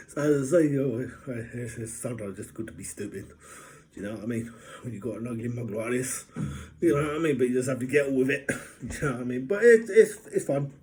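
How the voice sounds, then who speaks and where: A man's voice: mid-range voice, darkish tone. A man talking casually to camera as a vlogger, upbeat and jokey, rambling with plenty of fillers. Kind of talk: casual vlog monologue.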